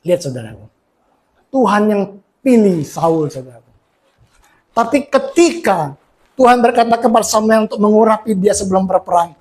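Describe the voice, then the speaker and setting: High-voiced male pastor preaching a sermon. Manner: preaches with rising shouts and repeated "saudara" tags. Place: church.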